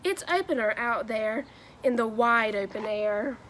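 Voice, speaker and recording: A young woman in her 20s, a new education graduate, reads a children's book aloud in a high, expressive, slightly bright voice. She goes very unhurriedly, with a sing-song storybook lilt, and faint noise sits behind her.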